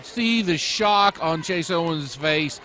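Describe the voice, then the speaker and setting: A man gives color commentary on a wrestling match. His voice is high and bright, with emphatic, dramatic reactions. A crowd sits faintly behind him. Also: slow pace. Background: crowd at a wrestling event.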